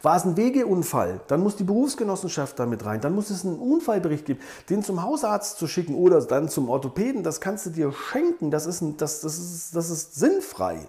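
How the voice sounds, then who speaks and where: A man's voice: a little high, a little fast, few pauses. A man teaching as an instructor, reviewing an oral exam protocol for his students and talking to them directly in a conversational way. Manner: conversational, animated, addresses listeners directly. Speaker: instructor for naturopath exam preparation.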